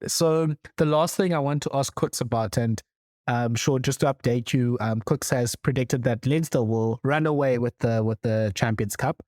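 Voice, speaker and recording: A man's voice: mid-range voice, normal speed, darkish tone, no room sound, clean studio sound. A man with a South African accent hosting a rugby podcast, putting questions to his co-hosts and laughing along. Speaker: podcast host. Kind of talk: casual chat.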